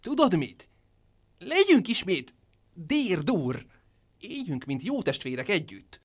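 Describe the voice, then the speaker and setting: A man's voice: on the high side, wildly swooping pitch, fairly bright tone, voice pushed up, heavily acted. A man voicing Dér, a small boy twin from a storybook, in a raised voice that stammers when scared. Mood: gentle. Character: timid boy twin Dér, fairy-tale hero.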